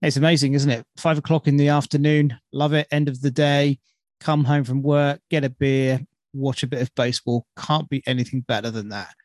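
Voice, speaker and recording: A man's voice: mid-range voice, flat delivery, moderate pace, a little mellow, no echo, studio quality. A British man hosting a podcast in an informal, enthusiastic, chatty way. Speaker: podcast host. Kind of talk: casual chat.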